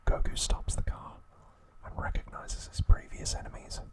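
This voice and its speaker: A man narrates a scripted recap in a soft, breathy ASMR whisper, going slowly and deliberately in short phrases.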